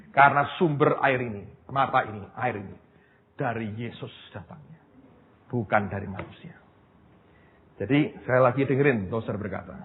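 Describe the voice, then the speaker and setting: A man preaching a sermon as pastor, telling stories in a lively way and often turning to his listeners as brothers and sisters. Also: medium pitch. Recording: tinny phone-like sound, long hall reverb, faint noise.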